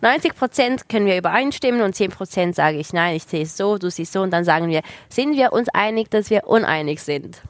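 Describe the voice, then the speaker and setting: A woman tells a story in a casual chat. She is animated and laughs often. The close microphone gives a dry, intimate sound. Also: mid-range voice, a little fast, few pauses, dry recording.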